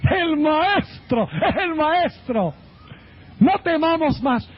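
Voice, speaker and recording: A man preaching voices an astonished apostle fisherman, exclaiming in a raised, excited voice. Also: very high-pitched, drawn-out words, dull audio, voice pushed up, exaggerated voice. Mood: relieved.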